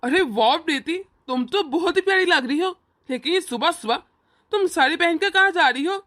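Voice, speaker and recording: A woman voicing a kind, indulgent young brother in an animated family cartoon, speaking gently and reassuringly. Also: extremely high pitch, fairly quick.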